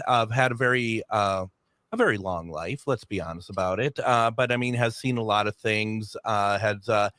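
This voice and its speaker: A man's voice: mid-range voice, fairly bright tone, dry recording, clean studio sound. A man with an American accent hosting a radio show, speaking in a conversational broadcast style. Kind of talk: radio ad reads and casual hosting.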